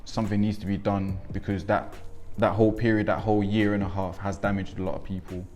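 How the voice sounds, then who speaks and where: Young father, twenties, very low voice, thoughtful, interview over faint music. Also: flat delivery, quick pace, darkish tone. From Congo, raised in England. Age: 20s. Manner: reflective, frequent ums. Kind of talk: documentary interview.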